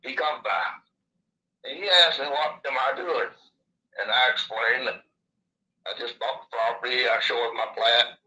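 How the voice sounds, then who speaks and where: A man's voice: medium pitch, normal speed, pauses often, pushed and bright, rough recording. A man with a lisp from missing upper teeth, telling his story in a casual, rambling way. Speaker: interviewee recounting his own experience.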